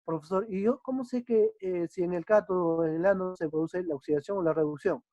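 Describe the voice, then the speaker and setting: A man's voice: high-pitched, fast, mellow, no echo, natural voice. A man voicing a curious secondary school student who asks the teacher puzzled questions. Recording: dull dry lo-fi recording.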